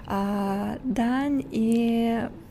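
A young woman with an Uzbek accent speaks Indonesian as a foreign learner, in a slightly high voice. She answers interview questions haltingly with simple phrasing, over some background noise. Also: dark tone. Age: young adult. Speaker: scholarship student guest. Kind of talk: radio interview.

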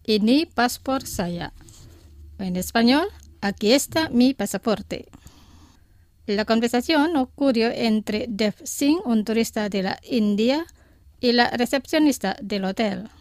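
A woman's voice: on the high side, expressive, a little slow, darkish tone, no room sound. A woman presenting a radio language lesson, reading from a script and carefully saying each phrase twice so that listeners can repeat it.

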